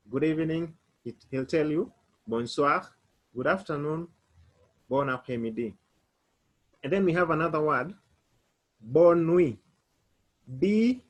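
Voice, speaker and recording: A man teaching a beginner French lesson online, spelling words out letter by letter. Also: fairly high pitch.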